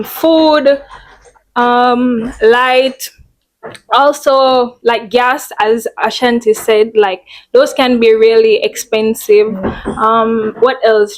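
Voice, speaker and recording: A woman's voice: a little high, rough recording. A woman from Jamaica, talking hesitantly with many fillers as a guest in a casual chat. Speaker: guest, medical student.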